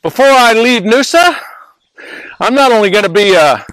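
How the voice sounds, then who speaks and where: A man's voice: very high voice, animated, moderate pace, a bit bright, no echo, rough recording. An older man giving a casual, motivational talk, playful and emphatic, a little out of breath from climbing stairs. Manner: breezy, playful and emphatic, with repeated hooks. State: slightly out of breath. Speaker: network marketing trainer.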